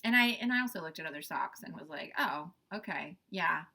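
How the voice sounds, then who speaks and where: A woman's voice: lowish voice, lively intonation, fairly quick, sharp tone. A young adult woman, a farm host, tells a story in a casual, chatty way. She laughs often and uses lots of fillers. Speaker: farm owner and show host.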